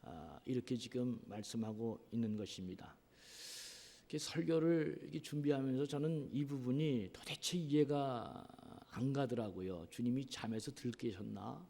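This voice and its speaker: A man preaching a sermon as pastor, earnest, asking rhetorical questions and pausing on drawn-out fillers. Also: mid-range voice, expressive, mellow. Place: church sanctuary. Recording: long reverb of a church hall.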